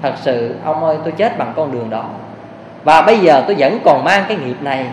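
A man's voice: fairly high pitch, fairly quick, lo-fi sound, natural voice. A man voicing an old woman who begs her husband to pray her sins away. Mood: pleading. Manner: pleading, lamenting. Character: old woman, suffering ghost, blind and bleeding eyes. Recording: echoey hall, faint hiss.

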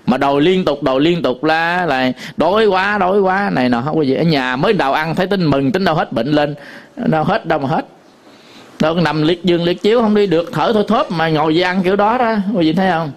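Higher-voiced Southern Vietnamese monk preaching. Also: male voice, fast talker. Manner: storytelling with many fillers and repetitions. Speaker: Buddhist monk teacher. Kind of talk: dharma talk to an audience.

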